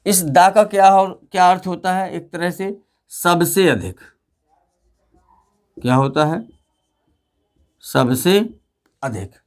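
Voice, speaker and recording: A man's voice: high-pitched, takes it slowly, long pauses. A man teaching a classroom grammar lesson, asking his students questions and then repeating the answers himself.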